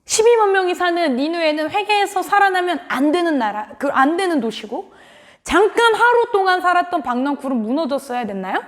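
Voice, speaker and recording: A woman preaching a Sunday school sermon to children, telling the story in an animated way and asking the children questions. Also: very high-pitched, fairly quick, big-room sound. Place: church.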